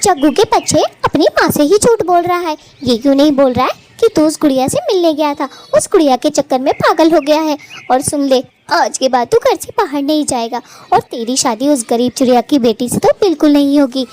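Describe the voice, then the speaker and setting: Lady voicing a bossy cartoon mama bird, sneers and scolds, real high pitched. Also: expressive, fairly quick, hardly any pauses, darkish tone. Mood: scolding. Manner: taunting, shrill scolding. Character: scolding proud female bird, Jaggu's mother. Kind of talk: Hindi cartoon voice acting.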